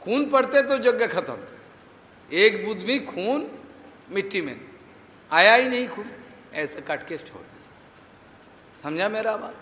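A man's voice: high-pitched, expressive, unhurried, long pauses, pushed and bright, slight background noise. A man, a monk preacher, telling a devotional story as a sermon, checking in with his listeners through rhetorical questions and mixing in English words. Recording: echoey hall reverb.

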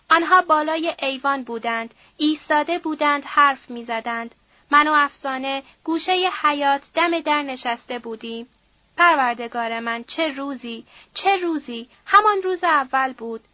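Woman narrator voicing a grieving mother, pleading, high-pitched, dry close sound. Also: no echo, highs cut off, lightly acted. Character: grieving middle-aged mother, widowed and frightened.

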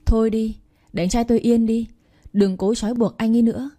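A woman's voice: fairly high pitch, fairly even intonation, a little fast, dark tone, close to an everyday voice. A woman reading a storybook aloud and voicing a spiteful, haughty younger sister who mocks the heroine. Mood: sneering. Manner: mocking, haughty.

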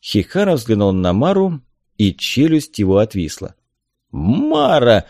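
A man narrates an audiobook in a measured, expressive storytelling style. His voice is fairly low, and the clean studio sound has no echo.

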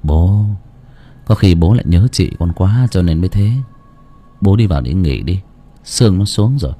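A man voicing a young former soldier who speaks gently and soothingly. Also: low voice, lively intonation, moderate pace, slightly rough, pitched below the performer's own voice. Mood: worried gentle.

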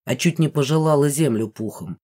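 Woman playing a grumpy male inquisitor, loud, peevish, sarcastic, audiobook. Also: mid-range voice, fairly quick, slightly rough, natural voice. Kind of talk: audiobook character voice.

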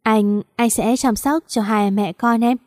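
A woman narrator voicing a quiet, protective young man who talks gently to his adopted sister. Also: fairly high pitch, steady tone, measured pace, no echo, studio quality, close to an everyday voice. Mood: tender.

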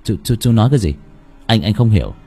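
A man's voice: fairly low pitch, lively intonation, fast talker, mellow, breathy edge, faint music behind. A man voicing a panicked young father who stammers and wails in grief in an audio story. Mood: alarmed. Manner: frantic, stammering and wailing.

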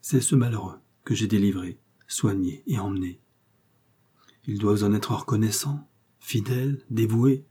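A man's voice: lowish voice, normal speed, warm tone, husky. A man reading the part of a mysterious, disillusioned woman in an audiobook. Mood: bitter. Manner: weary, disillusioned. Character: mysterious woman, bitter, distrustful, elegant.

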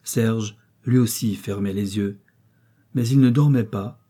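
A male audiobook narrator with a low, dark voice and a husky grain. He reads at a measured, expressive pace, giving the prose a steady dramatic lift. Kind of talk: scripted narration.

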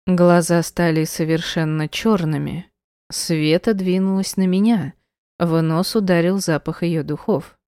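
A woman narrating a first-person audiobook in a measured, tense storytelling manner on a close mic. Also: fairly low pitch, flat delivery, mellow, smooth, no echo.

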